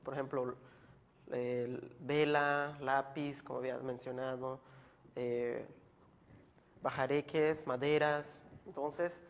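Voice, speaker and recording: A man teaching a language lesson, explaining slowly and patiently and repeating each word so the learner can follow. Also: medium pitch, level tone.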